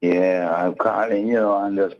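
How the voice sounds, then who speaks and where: Male radio caller, heard over the phone, low voice, rambling and friendly, dull lo-fi line. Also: steady tone, moderate pace. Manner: rambling, friendly, repeats words. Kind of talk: casual call-in chat.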